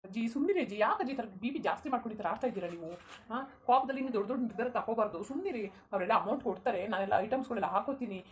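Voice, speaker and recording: A pleading young shopkeeper in a cartoon, as a woman voices him, speaking Karnataka Kannada and trying to soothe his grandmother. The voice sits fairly high and races along, with faint background noise underneath. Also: lively intonation, very fast, close to an everyday voice. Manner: pleading, placating. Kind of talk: cartoon voice acting.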